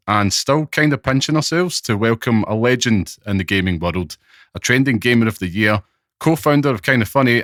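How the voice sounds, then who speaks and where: A man's voice: medium pitch, a bit bright, dry recording, clean studio sound. A man with a thick Glaswegian accent, hosting and interviewing on a podcast. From Glasgow, Scotland. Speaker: podcast host.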